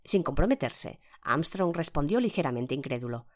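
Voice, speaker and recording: This is a storyteller narrating a novel in a scripted audiobook read. The pitch moves widely and expressively, and each quoted character gets a voice of their own. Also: big pitch swings, moderate pace. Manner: acts each character's quoted lines with pitch and loudness shifts.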